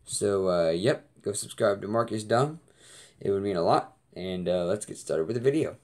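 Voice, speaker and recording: A man hosting a reaction video, talking casually and hesitantly with many pauses and fillers. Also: fairly low pitch, lively intonation, darkish tone. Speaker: host of a reaction channel.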